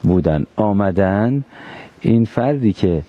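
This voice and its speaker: A man's voice: lowish voice, animated, phone-quality sound. A male interviewer asking probing questions, precise and insistent on exact wording.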